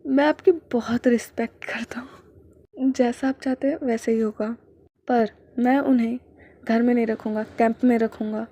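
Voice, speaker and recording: A woman's voice: fairly high pitch, steady tone, moderate pace, mellow. A woman storyteller voicing a dutiful, stubborn young male commando who answers in short, respectful replies. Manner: clipped, respectful.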